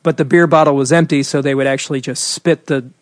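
A man co-hosting a casual chat, explaining singing and warm-ups in a rambling way with many fillers and restarts. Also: mid-range voice, steady tone, fast talker. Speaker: singer and podcast co-host.

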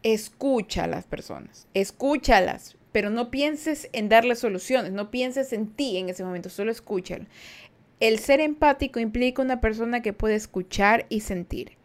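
A woman hosting a podcast, chatting casually and giving spiritual advice to her listeners in an animated way. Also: normal speed. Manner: animated, mimics people in a high put-on voice. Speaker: podcast host.

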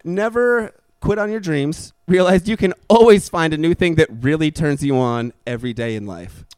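A young man with a fairly high voice co-hosts a loose comedy podcast. He rambles, jokes and trails off mid-thought, recorded close and dry with no room sound. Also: moderate pace, darkish tone, clear, resonant tone, no room sound. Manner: rambling, joking, laughs often, trails off mid-sentence. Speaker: podcast co-host. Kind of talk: casual comedic podcast chat.

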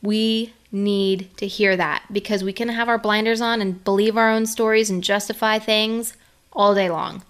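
A woman's voice: mid-range voice, steady tone, normal speed, smooth. A middle-aged woman giving an earnest, conversational faith-based motivational talk, laughing now and then.

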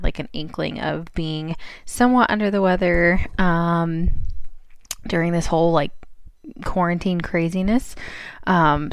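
A woman's voice: low voice, smooth, no room sound. Stuffed-up woman podcast host. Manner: chatty, with many fillers and restarts. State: stuffed up with a cold. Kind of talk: casual podcast chat.

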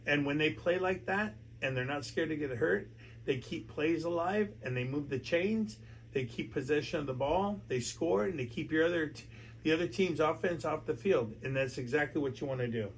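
Drunk American man talking sports, higher-pitched voice. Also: normal speed, rough recording. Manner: emphatic, repetitive, stumbling over words. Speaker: sports talk show host. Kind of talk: casual sports chat. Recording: clear background noise.

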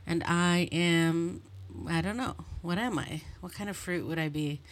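A woman's voice: lowish voice, unhurried. A woman in her thirties from Montreal hosting her own podcast, talking alone in a chatty, rambling, self-deprecating way. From Montreal, Canada. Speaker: podcast host. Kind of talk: solo podcast monologue. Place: bedroom at home.

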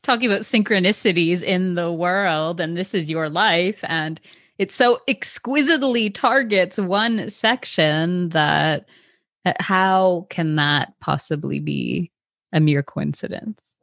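A woman interviewer asking measured, reflective questions. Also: fairly low pitch, fairly bright tone, no room sound, studio quality. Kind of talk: conversational interview.

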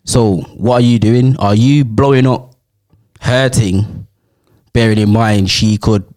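A man's voice: on the low side, fairly even intonation, slow pace, darkish tone. A young man with a London roadman accent hosting a casual group chat in slangy street talk. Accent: London roadman, urban slang. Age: young adult. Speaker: host.

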